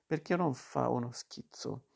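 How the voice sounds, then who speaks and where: A man reading the lines of a sly young woman who models for a painter, in a storybook, soft and flat. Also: mid-range voice, measured pace, vocal fry. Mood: coaxing.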